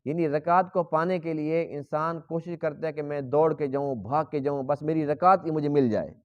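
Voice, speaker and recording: Earnest male Quran teacher, dull recording. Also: fairly high pitch. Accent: Pakistani Urdu. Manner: earnest, explaining with rhetorical questions. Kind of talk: sermon. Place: mosque.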